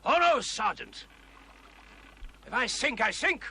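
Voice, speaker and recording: An actor playing a proud, stubborn old sailor in a period television drama, with a gruff, gravelly, blustering and pompous way of talking. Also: male voice, extremely high pitch, big pitch swings, slow, sharp tone, heavily acted. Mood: blustering pride.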